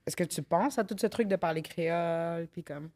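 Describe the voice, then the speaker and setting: A woman's voice: fairly low pitch, normal speed, a little mellow. A woman in her thirties with a Québécois French accent co-hosting a casual podcast chat, reflective and teasing, with many fillers. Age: 30s. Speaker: podcast co-host.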